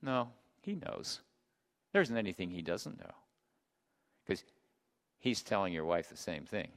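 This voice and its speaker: A middle-aged man preaching a sermon, emphatic, swinging from loud declarations to hushed asides. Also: low voice, big pitch swings, measured pace. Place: church sanctuary. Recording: long hall reverb.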